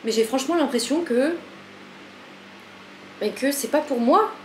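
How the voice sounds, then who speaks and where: Her voice is high and expressive, and she takes her time as she vlogs from her home kitchen. Frazzled and self-deprecating, she keeps chatting to her cat throughout this casual daily video, recorded in an echoey room with a bit of faint noise.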